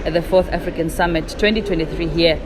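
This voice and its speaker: A woman's voice: lowish voice, fairly even intonation, fast. A woman from Namibia, giving an earnest, formal testimonial at a conference. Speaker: foundation founder, summit attendee. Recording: busy crowd noise behind.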